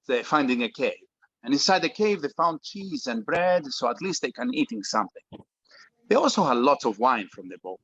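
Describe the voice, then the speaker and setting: A man's voice: fairly high pitch, a bit bright, breathy edge, dry recording, exaggerated voice. Heavy Greek accent, broken English, fond bedtime-story dad, read by a man on dull, dry call audio. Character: Greek immigrant father telling a bedtime story. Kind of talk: table read of a script.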